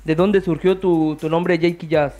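A young man hosts an interview in a slightly high voice, padding his questions with hesitant fillers. He speaks into a handheld mic in a small music studio. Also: fairly even intonation, unhurried, warm tone, highs cut off. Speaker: interview host. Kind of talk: casual interview.

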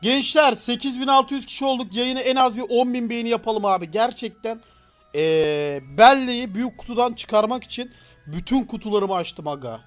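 A man streaming a game live, commenting excitedly in slangy, playful talk and breaking into shouts and laughter. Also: very high voice, brisk, soft background music.

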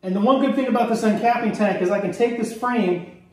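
Middle-aged man, fairly high voice, relaxed how-to demo; echoey workroom, mic a few feet off. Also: distant mic, a little hiss or hum. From Maryland, US. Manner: relaxed, explanatory, pauses while working. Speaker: beekeeper demonstrating honey harvest. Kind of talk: hands-on how-to demonstration. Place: indoor workroom, hard surfaces. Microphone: camera mic from a few feet away.

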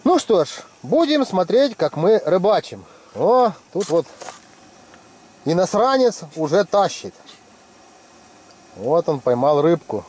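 Ice fishing in a tent, a middle-aged fishing vlogger gives casual commentary, joking and teasing his friends in a lively way. His voice sits high, and he takes it slowly with long pauses.

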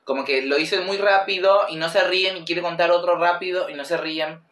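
Guy reacting to a clip, chatty and analytical, slightly high voice. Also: steady tone, a little fast, fairly bright tone, roomy sound, recorded from a distance. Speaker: video reactor and commentator. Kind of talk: casual reaction commentary.

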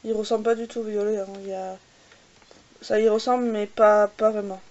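Mid-range and darkish, her voice has little pitch movement, and the audio is dull. The beauty vlogger chats casually through makeup swatches, hesitant and padding pauses with "euh" and "voilà," while teasing herself about her English pronunciation.

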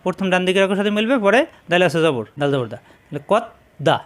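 High-pitched male teacher, slow and patient, repeats sounds and corrects them. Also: lively intonation. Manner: repeats syllables slowly, corrects pronunciation. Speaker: Quran reading teacher. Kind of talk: slow drilled lesson.

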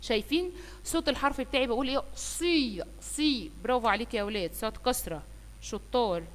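A woman teacher with an Egyptian Arabic accent, slowly sounding out letters and words for young children and praising them often. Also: fairly high pitch, big-room sound. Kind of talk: online phonics lesson for young children.

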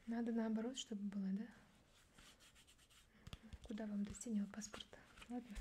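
A young woman in a barely audible ASMR role-play as a gruff, disdainful border guard, muttering sardonically. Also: fairly high pitch, flat delivery, normal speed, a little hiss or hum. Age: young adult. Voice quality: soft soft voice, mostly unvoiced, barely audible. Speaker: ASMR performer playing a border officer. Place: small dark indoor studio setup.

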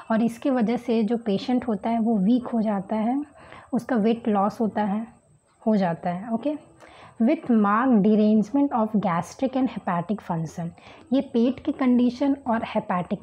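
A woman teaching homeopathy, slowly reading English terms from a book and explaining them in Hindi with frequent "okay"s. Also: on the high side, dark tone, slight background noise, poor audio. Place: indoors at a table, book and pen on camera.

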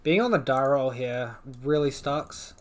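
A young man giving casual live commentary on his own card game match, thinking aloud about each play and swinging between groans and relieved excitement. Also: mid-range voice, a little slow, a little hiss or hum.

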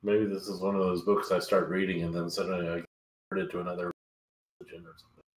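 Man, tabletop player, low voice, echoey, joking. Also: level tone, fast. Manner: joking, chatty. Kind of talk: casual chat at a game table.

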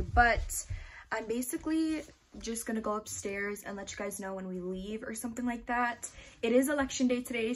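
A woman's voice: fairly high pitch, a little hiss or hum. A teenage girl talking casually to her viewers in a day-in-my-life vlog, chatty and full of fillers, recorded in her bedroom on a camera in front of her. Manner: chatty, filler-heavy, addresses viewers directly. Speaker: vlogger. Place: bedroom at home, indoors.

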